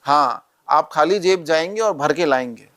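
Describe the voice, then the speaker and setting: A man's voice: fairly high pitch, animated, moderate pace, fairly bright tone. A male astrologer guest in a podcast interview, instructively listing remedies step by step.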